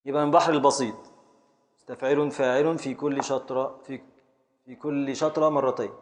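A man's voice: medium pitch, steady tone, a little fast. A man with an Egyptian Arabic accent teaching a classroom lesson, quizzing students and scanning verse syllable by syllable. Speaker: Islamic scholar teaching Arabic grammar and prosody.

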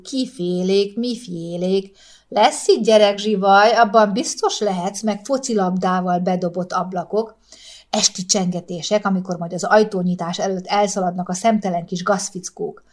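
A woman's voice: mid-range voice, lightly acted. A woman voicing a nosy, suspicious older wife who complains indignantly about the new neighbors. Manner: indignant, complaining, rapid outpouring.

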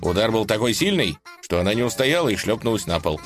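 Lively low-voiced man reading a children's story. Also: fast, faint music behind. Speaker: narrator.

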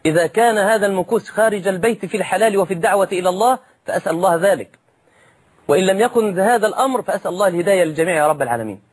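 A man preaching a sermon in an Egyptian accent, lively and direct, calling his listeners brothers and slipping in jokes. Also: sits high, racing, slightly rough. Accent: Egyptian Arabic.

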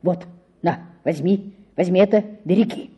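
A woman voicing a distraught, frantic father in a hushed, urgent voice, reading a storybook aloud. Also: lowish voice, moderate pace, breathy edge. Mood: whispering.

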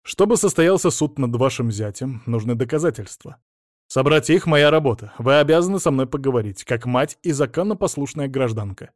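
A man's voice: mid-range voice, lively intonation, a little fast, darkish tone, dry recording, clean studio sound, natural voice. A man reading an audiobook, voicing a persistent male detective who questions firmly and matter-of-factly. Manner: firm, persistent, matter-of-fact. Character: firm male police detective, adult.

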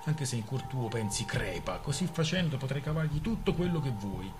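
A man's voice: mid-range voice, very animated, brisk, natural voice. A man voicing a shrewd father handing out wry, cynical advice, with music behind him.

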